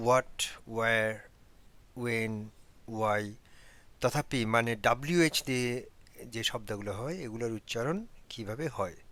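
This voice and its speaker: A man's voice: mid-range voice, a bit bright. A man from Bangladesh teaching pronunciation in a lesson, repeating example words one at a time. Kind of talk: explanatory lesson.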